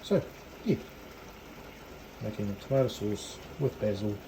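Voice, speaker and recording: A man's voice: on the low side, measured pace, noisy background. A man with a New Zealand accent giving a casual, hesitant cooking demonstration at home, thinking aloud as he works. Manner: informal, hesitant, thinking aloud while working. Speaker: home cook presenting a cooking video. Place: home kitchen.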